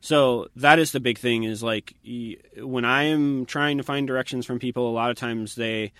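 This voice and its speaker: Relaxed man telling a story. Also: mid-range voice, normal speed, no echo, clean studio sound. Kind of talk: casual conversation, storytelling.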